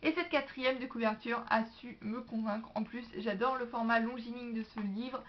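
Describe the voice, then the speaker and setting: A book vlogger, young and French-accented, speaks at a normal speed in a higher-pitched voice, enthusing about library books in a relaxed haul video. Lively asides pepper her chatter. The audio is dull and lo-fi like a home video, with a little hiss or hum.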